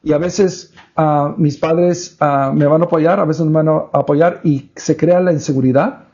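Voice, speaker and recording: A man with a gravelly, mellow voice and a slightly raised pitch talks earnestly through parenting advice like a patient teacher. The lo-fi podcast audio sounds a little dull. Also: fairly even intonation, moderate pace. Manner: earnest, teaching tone, mixes in English words. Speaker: podcast co-host. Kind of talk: conversational faith-based parenting talk.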